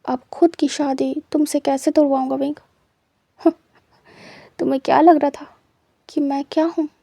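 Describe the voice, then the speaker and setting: A woman voicing a menacing, possessive young man who gloats and threatens in a quiet, low voice for a storybook reading. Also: little pitch movement, moderate pace, gravelly, dry recording. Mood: gloating.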